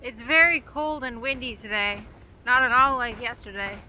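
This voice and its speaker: Woman coaxing wild birds outdoors, higher-pitched voice. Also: moderate pace, pushed and bright, slight background noise, rough recording. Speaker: nature vlogger. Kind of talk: casual outdoor vlog narration. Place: outdoors in the woods.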